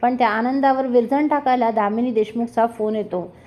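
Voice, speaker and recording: A woman's voice: a little high, steady tone, moderate pace, mellow. A woman casually retelling the plot of a TV serial, briefly voicing each character's quoted lines as she goes. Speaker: serial recap narrator. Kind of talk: casual storytelling recap. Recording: dull lo-fi audio.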